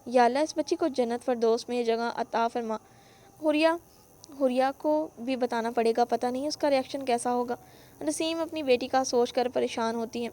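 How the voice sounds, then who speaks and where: A woman reading a novel aloud in an emotive storytelling manner. Her voice is high-pitched. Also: dark tone. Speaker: novel reader. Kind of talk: audiobook narration.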